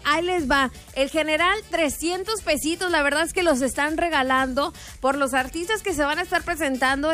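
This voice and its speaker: A woman's voice: high-pitched, a bit bright. A woman hosting a call-in radio show, chatty and upbeat, laughing with callers and pushing events. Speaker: radio host.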